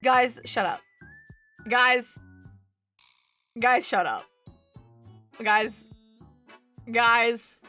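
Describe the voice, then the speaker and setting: A woman's voice: a little high, very slow, pauses often, bright, forceful tone, faint music behind. A woman streamer with a cute anime-streamer delivery, giving playful, teasing casual reaction commentary. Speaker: VTuber streamer reacting to a video.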